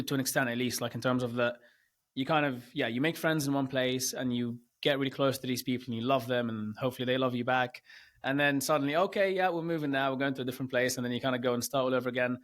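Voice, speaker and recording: A man hosting a podcast interview in casual chat, effusive and quick to exclaim, with some hesitant fillers and restarts. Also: mid-range voice, fairly even intonation, a bit bright. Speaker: podcast host.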